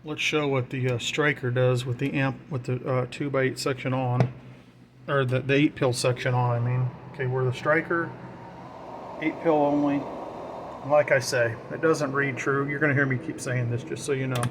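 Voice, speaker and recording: A radio hobbyist with a mid-range voice gives an informal, hands-on equipment demonstration at a moderate pace. He explains as he works, partly talking to himself, while fan and equipment noise hums clearly and steadily in the background.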